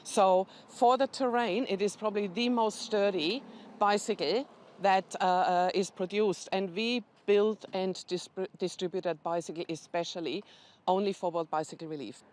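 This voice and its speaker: A woman's voice: mid-range voice, steady tone, normal speed, darkish tone. A woman speaking as a charity representative in a news interview, explaining things step by step in an informative way.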